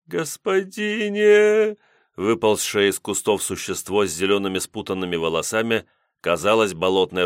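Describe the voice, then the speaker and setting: A man narrating an audiobook in a measured storytelling manner. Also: sits low, a bit bright, smooth, dry recording, clean studio sound.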